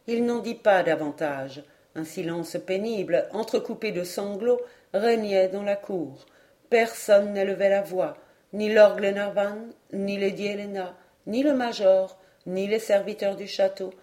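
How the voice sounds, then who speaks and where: Mellow-voiced woman reading a novel. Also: mid-range voice. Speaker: audiobook reader. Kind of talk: literary narration.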